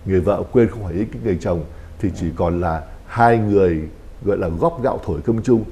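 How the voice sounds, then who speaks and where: Fast-talking priest with a dark voice. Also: male voice, fairly low pitch. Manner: explanatory, acts out little quoted dialogues. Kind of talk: pastoral talk show discussion.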